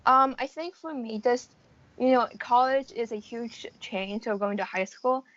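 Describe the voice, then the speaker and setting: Unhurried and a bit bright, with a slightly high voice, an 18- to 19-year-old American college student gives casual interview answers. She explains informally, frequently hedging, and the sound is lo-fi.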